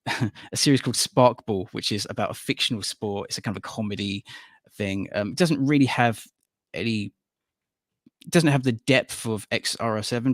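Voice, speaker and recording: A man in his late thirties, an animator and musician, appears as a guest on a casual panel podcast, telling rambling stories and laughing easily. His voice is on the low side and a bit bright, recorded with studio quality and no room sound.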